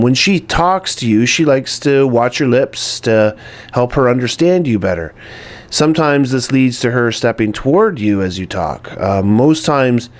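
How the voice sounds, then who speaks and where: A man talks to his supporters in an earnest, unpolished way. He stops often on ums and uhs as he gathers his thoughts, and his voice sits at an ordinary middle pitch for a man. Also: darkish tone. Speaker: documentary producer. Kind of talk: informal campaign update to supporters.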